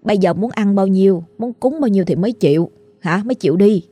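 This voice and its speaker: A woman voicing a gruff, fed-up middle-aged village man, talking in blunt irritated bursts. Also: medium pitch, quick pace, warm tone, no echo, lightly acted.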